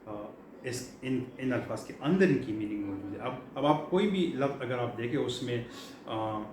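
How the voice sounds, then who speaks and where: A man's voice: medium pitch, lively intonation, darkish tone. A middle-aged man from Pakistan teaching English vocabulary in a classroom lecture style, explaining patiently and repeating key words with frequent fillers. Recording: echoey room, faint background hum.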